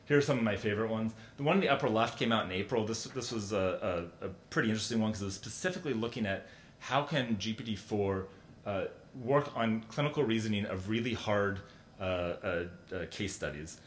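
Man giving a keynote in an echoey hall. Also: a little fast. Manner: conversational, with frequent fillers and restarts. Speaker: keynote speaker. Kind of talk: conference keynote talk. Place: large conference hall. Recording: echoey hall, faint rumble.

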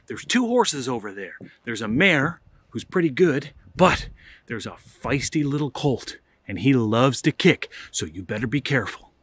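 A man voicing a softly cautioning young woman. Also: mid-range voice, big pitch swings, normal speed, slightly rough, no echo, voice pushed down. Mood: warning. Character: young woman warning kids, careful and patient.

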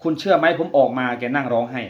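Speaking quickly at medium pitch, a male podcast host discusses quitting gambling through an earnest personal story told in confidence, with direct questions aimed at the listener. The recording sounds roomy and dull, lo-fi.

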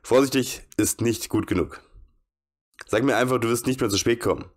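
A man's voice: mid-range voice, normal speed, close to an everyday voice. A man reading out the lines of a strict senior coworker who scolds a new barista in a horror game. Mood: stern. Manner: stern, scolding.

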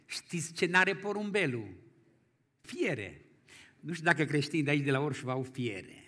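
A male pastor preaching a folksy storytelling sermon, moving from quiet asides to loud exclamations. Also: a little high, lively intonation. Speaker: guest pastor.

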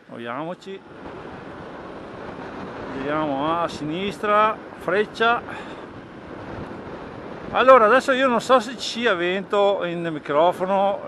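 Man, slightly high voice, casual rambling motovlogger chat, repeated phrases, outdoor helmet mic, faint road and engine noise. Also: bright, forceful tone. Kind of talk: casual vlog chat to viewers. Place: outdoors, on and beside a motorcycle.

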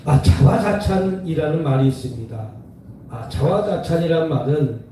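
Echoey, distant pastor preaching. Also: male voice, a little high, dark tone, slight background noise. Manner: call-and-response preaching, repeats phrases. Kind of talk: revival sermon. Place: prayer retreat center hall. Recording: echoey hall, voice from far off.

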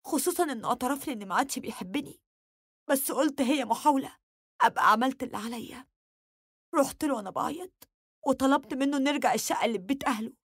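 A woman's voice: high-pitched, husky, no echo, studio quality. A woman with an Egyptian accent telling a dramatic first-person story in an emotional, confessional way.

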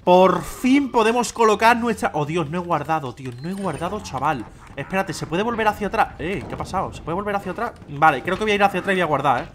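Young Spanish man, lively gaming commentary, faint hiss on the mic. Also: high voice, fast, hardly any pauses. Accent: Spain Spanish. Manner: excitable, swears, talks to viewers as "chavales". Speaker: gameplay streamer. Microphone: desk microphone.

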